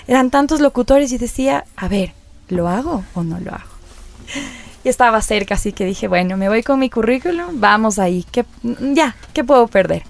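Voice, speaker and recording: Lively storytelling woman radio presenter. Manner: lively, acts out quoted dialogue with rising pitch. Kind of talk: storytelling in a casual interview.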